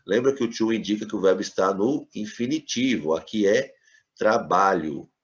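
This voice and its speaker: A man teaching an English lesson to Brazilian students, explaining patiently and repeating words slowly for them. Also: lowish voice. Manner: patient, repetitive explaining, checks in with "tá certo?". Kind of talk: recorded classroom lesson. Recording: dull lo-fi sound.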